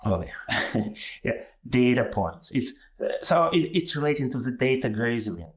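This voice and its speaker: A native Ukrainian speaker with a Ukrainian accent presents as a guest on a webinar over a video call, with lots of fillers and restarts. His voice is medium in pitch and very animated, at a normal speed.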